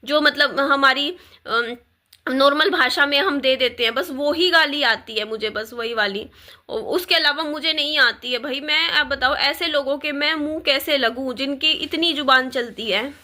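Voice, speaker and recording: Upset high-voiced young woman venting. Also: moderate pace, sharp tone. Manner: upset, pleading and defiant, repeats words. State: distressed. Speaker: vlogger. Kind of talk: emotional direct-to-camera rant.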